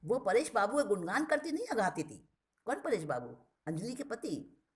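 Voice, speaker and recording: A woman reading a short story aloud, expressive and often restating a word with a plainer synonym. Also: a little high, moderate pace.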